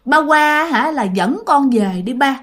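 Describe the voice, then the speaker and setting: A woman voicing the ghost of a drowned young boy who calls to his father in drawn-out, pleading cries. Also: high voice, animated, fairly bright tone.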